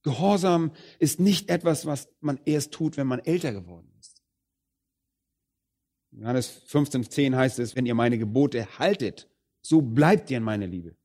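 A man preaching a sermon, addressing the congregation directly. He stresses some phrases loudly and drops others low and quiet. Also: animated, measured pace. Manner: emphatic, swings between loud stresses and quiet low phrases.

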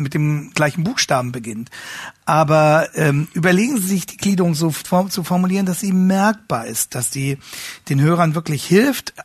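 Man teaching sermon craft, a bit breathy, stumbles and repeats words, no room echo. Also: a little high. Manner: earnest, repeats words while searching for phrasing. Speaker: homiletics teacher. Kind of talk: lecture on preaching.

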